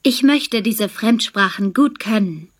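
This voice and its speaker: A cheerful young au pair talks about her work and plans in a clear, careful and friendly way, as voiced by a woman. She speaks at a natural pitch and pace. The recording is a scripted language-exam dialogue. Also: expressive, measured pace. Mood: pleasant. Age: young adult.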